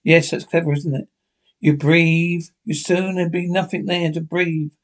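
A man's voice: fairly high pitch, level tone, normal speed, close to an everyday voice. A man playing a murderous old man in a horror radio play, with a menacing, theatrical delivery. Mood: gloating, menacing. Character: gloating murderous old man, panicking when trapped.

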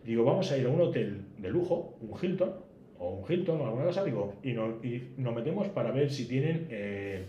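A man tells travel stories at a quick clip, his voice swinging up and down as he acts out every exchange. The recording is roomy and echoey, with faint background noise. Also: medium pitch, muffled recording. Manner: animated storyteller, acts out dialogue. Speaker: podcast guest. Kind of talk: casual travel storytelling.

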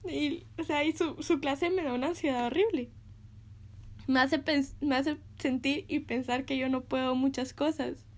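Chatty young woman, slightly high voice. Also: fairly even intonation, moderate pace. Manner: chatty, many fillers, laughs between phrases. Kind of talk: casual devotional chat.

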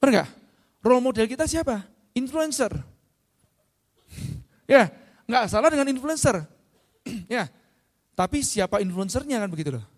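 High-voiced man speaking in a hall. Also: normal speed, pauses often. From Indonesia. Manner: lively, asks the audience questions. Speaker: speaker at an event. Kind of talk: motivational talk to a live audience. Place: large hall. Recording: long hall reverb.

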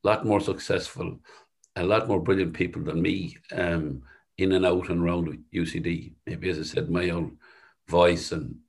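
A middle-aged man with a thick West of Ireland accent, answering interview questions modestly and haltingly, often circling back to rephrase. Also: low-pitched, fairly even intonation, husky. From Sligo, west of Ireland. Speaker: company chief executive being interviewed.

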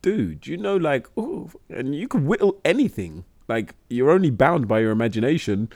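A man's voice: medium pitch, sing-song, normal speed, creaky, darkish tone. A British man co-hosting a podcast with casual comic banter, joking in slangy, sweary language. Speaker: podcast co-host.

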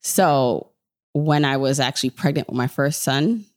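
A woman in her 30s who was born in Jamaica and raised in New York joins a podcast as a guest, where she herself hosts a personal finance show. Her voice is extremely low and a little slow, recorded at studio quality with no room sound. She tells chatty, informal stories, quoting what she said to herself.

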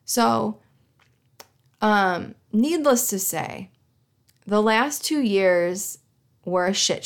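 A young woman talks through a long personal story on her podcast, and her voice has a gravelly, fried edge. Her pitch sits in a middle range. She leans into sarcasm and dramatic emphasis as she rambles on. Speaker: podcast host. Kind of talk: casual monologue.

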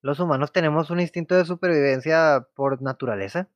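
Emphatic young man, slightly high. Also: brisk, dry recording, lo-fi sound. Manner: emphatic, ends phrases with slang tags. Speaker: podcast co-host. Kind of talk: casual chat.

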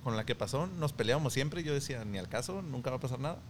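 A man's voice: mid-range voice, lively intonation, fast, noisy background. A young man with a Mexican accent, telling a personal story in slangy, candid casual chat as a podcast guest.

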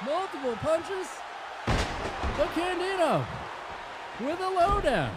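A man doing an excited wrestling commentator, calling moves play-by-play in a punchy, emphatic, often shouting delivery. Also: very high-pitched, slow, loud music behind the voice, exaggerated voice. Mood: punchy, focused. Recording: very noisy, loud crowd behind. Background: loud crowd noise.

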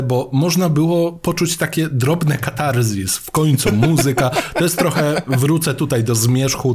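A man's voice: mid-range voice, darkish tone. Joking man co-hosting a film podcast. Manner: playful, joking, meandering with frequent fillers. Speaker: podcast co-host. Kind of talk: casual film podcast chat.

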